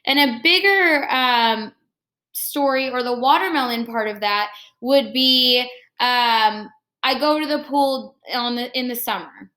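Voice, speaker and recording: This teacher's voice sits a little high and has a sharp tone, and she takes an unhurried pace. She reads a story to young children and explains it in careful, instructional steps.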